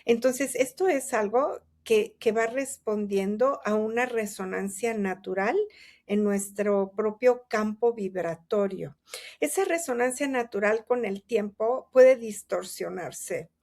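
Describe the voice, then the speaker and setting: A woman talks in a calm, measured way at a mid pitch. She builds her points slowly with examples and asks rhetorical questions as she reflects. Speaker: guest speaker. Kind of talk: reflective conversational interview.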